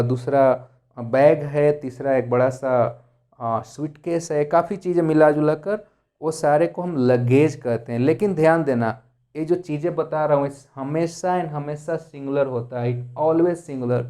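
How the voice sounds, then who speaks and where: A man teaches a grammar lesson in a fairly high, mellow voice with a soft, dark tone. He works through rules by listing examples one by one and keeps checking in with the class. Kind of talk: lecture explaining grammar rules.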